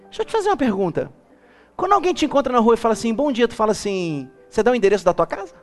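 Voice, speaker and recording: A man preaching a lively church sermon as bishop, calling the congregation to repeat after him and building up to shouts. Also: very high voice, rapid-fire, soft background music. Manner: animated, rising to shouts, calls congregation to repeat.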